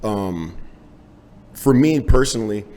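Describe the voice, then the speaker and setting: A man's voice: fairly low pitch, slow pace. A man hosting a podcast interview, chatting loosely with lots of fillers and easy yeahs, recorded in a small home gym. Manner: relaxed, loose talk with many fillers and repeated yeahs. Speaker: podcast host. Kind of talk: casual interview.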